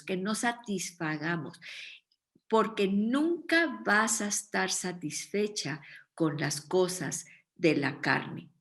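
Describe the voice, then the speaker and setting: A woman teaching a Bible study in an earnest tone, often pausing to check in with her listeners. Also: on the low side.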